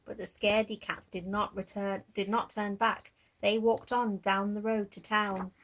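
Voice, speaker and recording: A woman narrating a children's picture book aloud, gently pointing young listeners to the pictures. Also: mid-range voice, little pitch movement, normal speed, slight background noise, poor audio. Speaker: storybook narrator.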